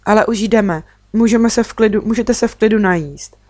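A woman reading a storybook and voicing a calm, kind young girl who answers gently and without hurry. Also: mid-range voice, no echo, studio quality, voice pushed up, close to an everyday voice. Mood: gentle.

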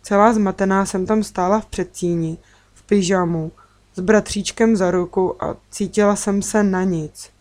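Woman calmly reading a children's story. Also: mid-range voice. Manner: calm, measured storytelling. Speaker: narrator. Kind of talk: children's book read aloud.

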